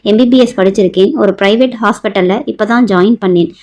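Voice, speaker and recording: A woman voicing a kind, cheerful young woman doctor who speaks gently and teases back. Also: medium pitch, fast, close to an everyday voice. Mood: teasing. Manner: gentle, teasing.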